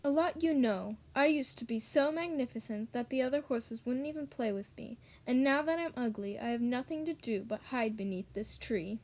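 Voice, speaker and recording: A woman's voice: on the high side, moderate pace, hardly any pauses, a little mellow. A woman voicing a vain young male horse who pouts and pities himself in a storybook reading. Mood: sulky. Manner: pouting, self-pitying.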